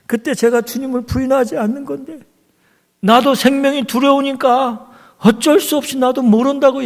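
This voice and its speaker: A man's voice: very high-pitched, gravelly, pitched above the performer's own voice, heavily acted. A male pastor acting out a remorseful grown man, a disciple, earnestly confessing and pleading for understanding, in a reverberant church hall.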